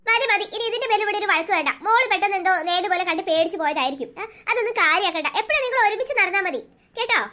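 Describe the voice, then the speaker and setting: Cartoon dad, gentle and reassuring, bright and fast, played by a voice actor. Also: extremely high pitch, animated, heavily acted. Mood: soothing. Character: worried cartoon father, soothing and calm. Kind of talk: cartoon voice acting.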